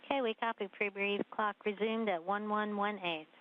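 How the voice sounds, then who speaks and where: A female capsule communicator in mission control briskly reading numbers back over a space-to-ground radio transmission. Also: medium pitch, steady tone. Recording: muffled distant radio link.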